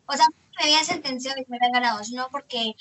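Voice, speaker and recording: A woman's voice: high-pitched, very fast, sharp tone, a little hiss or hum. A young woman, a singer, chatting hesitantly in an interview. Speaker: guest singer. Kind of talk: casual interview chat.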